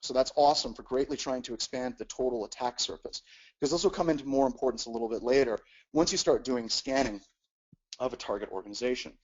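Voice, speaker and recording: A webcast instructor with a mid-range voice teaches fast in a technical webcast, explaining step by step with frequent "uh"s and repeated words. The audio sounds dull.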